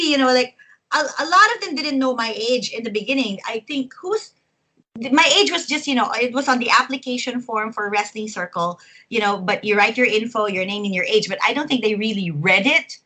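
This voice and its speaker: A woman's voice: on the high side, pushed and bright, low-quality recording. A woman in her forties from the Philippines, a wrestler chatting as an interview guest and laughing often between phrases. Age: 40s. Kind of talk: casual interview chat.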